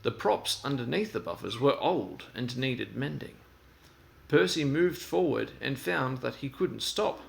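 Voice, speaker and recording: Reading a children's tale in an expressive, storyteller's style, this man speaks a little slowly. His mid-range voice has a creaky quality.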